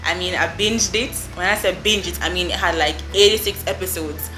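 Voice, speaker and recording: Speaking briskly in a lowish voice, this young adult vlogger from Jamaica shares a chatty storytime to camera in her Jamaican accent. She's effusive and lively, sprinkling in plenty of "like" and "I mean," while soft music plays under a reverberant, low-quality recording.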